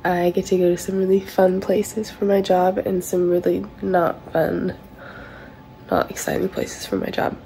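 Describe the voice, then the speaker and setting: A woman's voice: on the low side, dark tone, echoey room, slight background noise, poor audio. A woman in her twenties from Hawaii, chatting casually to camera while getting ready in a small bathroom, with rambling, self-mocking asides. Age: 20s. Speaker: professional tennis player vlogging. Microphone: built-in camera mic, laptop or phone close up.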